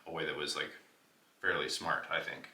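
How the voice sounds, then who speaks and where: A man's voice: very deep voice, steady tone, normal speed, sharp tone, echoey room, a little hiss or hum. A man hosting a casual vlog, talking in loose, informal phrases that sometimes trail off. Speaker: vlog host. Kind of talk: casual outdoor vlog chat.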